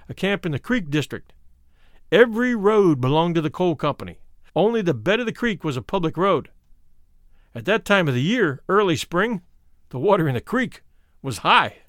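A man reading a first-person memoir aloud in measured, steady storytelling narration. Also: a little high, no echo, clean studio sound. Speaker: reader.

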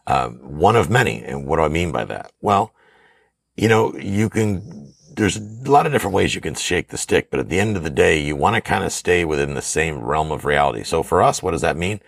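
A man's voice: very deep voice, gravelly, no echo. A man talking casually and folksily as a host explaining investing, recording out on a screened backyard porch. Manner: folksy, conversational, asks and answers own questions. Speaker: podcast host and real estate fund operator.

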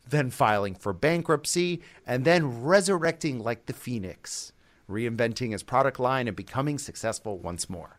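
A man hosting a podcast, reading scripted sign-off remarks and thanks. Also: mid-range voice. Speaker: podcast host.

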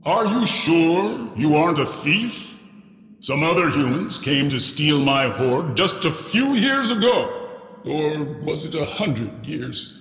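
A man voicing a huge, ancient, lazily amused dragon, speaking slowly and drawn out. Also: expressive, a bit bright, heavily acted. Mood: drowsy, suspicious. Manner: slow, drawn-out, booming. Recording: roomy, reverberant echo on the voice.

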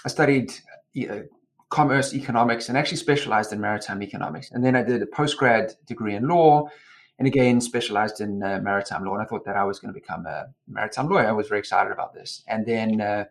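A South African man in his forties, a company founder, giving measured explanatory answers in an interview, trailing off with "et cetera". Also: fairly low pitch, creaky. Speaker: guest, company co-founder and CEO.

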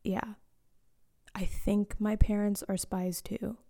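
A woman in her late twenties, born in Eswatini to Zambian parents and raised in South Africa, Australia and Canada, reads a reflective first-person story aloud. Her mellow, lightly gravelly mid-range voice shows little pitch movement as she moves slowly and lyrically through the scripted narration, hushing some lines softly.

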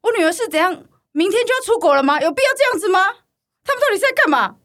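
A woman mimicking a shrill, hysterical Taiwanese mother. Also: lively intonation, moderate pace, natural voice. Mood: shrill scolding. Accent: Taiwanese Mandarin. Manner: shrill, scolding, accusing. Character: furious middle-aged female teacher, hysterical mother.

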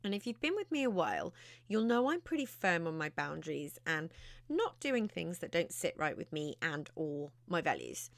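A woman's voice: fairly low pitch, very animated, normal speed, vocal fry, no echo, studio quality. A woman hosting her own podcast, talking straight to the listener in a chatty, emphatic way. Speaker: podcast host, success mentor. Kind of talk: podcast monologue.

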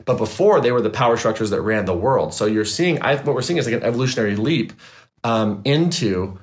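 Guy therapist on a podcast, super animated and emphatic, cusses casually, mid-pitched voice. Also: fairly quick. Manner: animated, emphatic, loose and swearing. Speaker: trauma therapist, guest. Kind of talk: casual interview chat.

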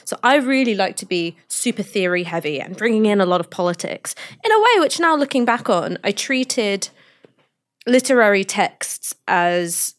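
Woman co-host, casual panel chat, animated storyteller, candid. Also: medium pitch, normal speed.

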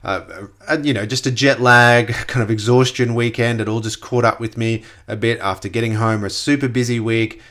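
Man, podcast host, congested voice, upbeat and emphatic, mid-range pitch. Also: fairly even intonation, normal speed, fairly bright tone. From Australia. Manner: upbeat, emphatic, loose restarts. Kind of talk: motivational podcast talk.

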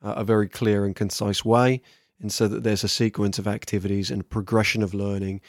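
A man's voice: on the low side, level tone, a little fast, no room sound, clean studio sound. A man from England with an English accent, talking casually and candidly as a solo podcast host reflecting on his work. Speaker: podcast host, workshop trainer.

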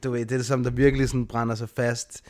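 A man co-hosting a podcast, relaxed and agreeable as he recounts events in casual chat. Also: mid-range voice. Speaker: podcast co-host. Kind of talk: casual chat about fighting.

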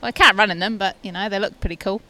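A woman's voice: mid-range voice, fast, bright, forceful tone, dry recording. A woman answering casually in an outdoor interview as a spectator. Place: outdoors at a triathlon.

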